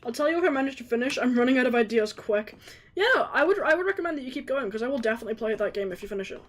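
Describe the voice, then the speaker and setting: A woman giving casual gameplay commentary in a fairly high voice. She is chatty and informal, talking straight to her viewers with self-aware asides. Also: lively intonation, racing. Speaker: streamer playing a game.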